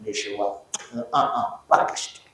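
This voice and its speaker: A man's voice: lowish voice, slow pace, vocal fry, a bit bright. A man teaching a university class, repeating key words and quizzing his students. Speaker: Biblical Hebrew lecturer. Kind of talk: university lecture. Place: university lecture hall. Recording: roomy echoing hall, voice from far off.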